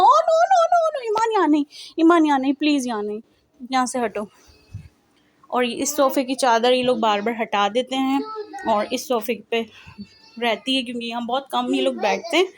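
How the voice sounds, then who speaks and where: A young mother chatting to her viewers in a casual home vlog, explaining her day and turning aside to scold her children, recorded on a phone indoors. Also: fairly high pitch. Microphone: mobile phone camera.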